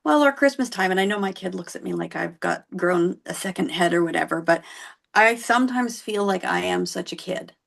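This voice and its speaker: A woman co-hosting a podcast, telling stories in an animated way and jumping into high, excited voices. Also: a little fast, gravelly. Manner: animated, jumps into high excited voices when retelling moments. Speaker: podcast co-host. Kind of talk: lively conversational storytelling.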